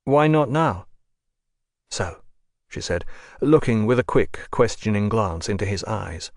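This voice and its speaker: A man narrating an audiobook of a classic novel in a measured, even manner, gently lifting his voice for the characters. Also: mid-range voice, no echo, studio quality.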